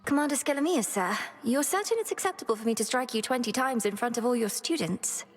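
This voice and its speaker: An actress playing a determined young witch princess in a video game, formal, earnest and breathy, over music. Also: on the high side, animated, fast talker. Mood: composed, earnest. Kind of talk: video game character acting. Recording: music behind the voice.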